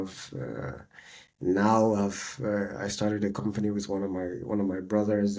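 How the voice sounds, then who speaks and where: Guy in his 30s, low husky voice, laid-back chat, keeps saying man. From Nigeria. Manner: relaxed, chatty, says "man" often. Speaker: podcast co-host. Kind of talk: casual chat.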